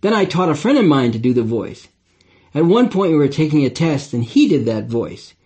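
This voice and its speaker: An older man reading his memoir aloud, slightly higher-voiced than most men. His delivery is wry and reflective, steady and unhurried. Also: slightly rough. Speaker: memoir narrator.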